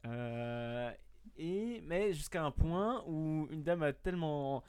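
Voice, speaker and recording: A man's voice: fairly high pitch, lively intonation, takes it slowly, darkish tone, clear, resonant tone. Young man telling a story with fillers. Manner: hesitant, lots of fillers and self-mocking asides. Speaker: podcast guest. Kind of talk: casual storytelling chat.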